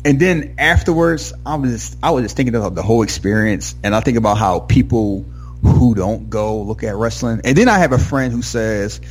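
A man, married, telling a story in candid casual chat, animated and swearing freely. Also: mid-range voice, a little fast, soft background music.

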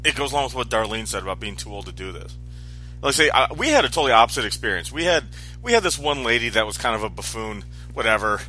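Bright-voiced man in his forties. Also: medium pitch, lively intonation, fast talker, slight background noise, rough recording. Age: 40s. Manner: chatty, rambling, self-correcting. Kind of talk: casual chat.

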